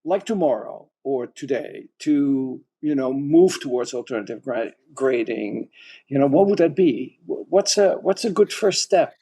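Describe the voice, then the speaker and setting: A man's voice: mid-range voice, lively intonation, measured pace, dark tone, breathy edge. A man hosting a podcast interview, posing questions with some hesitant restarts, then reading a closing. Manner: hesitant, restarts mid-sentence. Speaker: podcast host.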